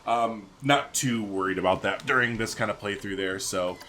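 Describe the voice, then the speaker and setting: Here a gaming host with a fairly low voice talks at a moderate pace during a let's-play video. His commentary is informal, mostly thinking aloud as he plays, and the recording carries faint background noise plus game ambience.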